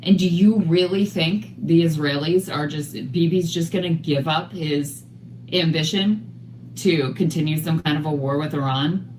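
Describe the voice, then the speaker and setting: A woman's voice: low voice, moderate pace, a little mellow, echoey room, slight background noise, rough recording. A woman in casual political chat, scathing and emphatic as she lays out her analysis.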